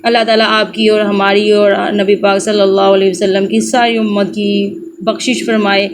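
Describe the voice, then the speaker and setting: A woman teaching beginners to read the Quran, spelling out each letter and sound slowly before reciting the verse. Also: mid-range voice, level tone, background noise. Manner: slow, drawn-out letter-by-letter drilling.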